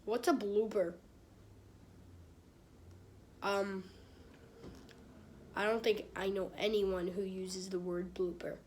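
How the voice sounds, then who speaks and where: A woman's voice: medium pitch, flat delivery, a little hiss or hum. A woman reading a children's book aloud, stopping and restarting phrases and turning aside to chat with her live audience. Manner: halting, with many restarts and repeated phrases. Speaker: read-aloud host.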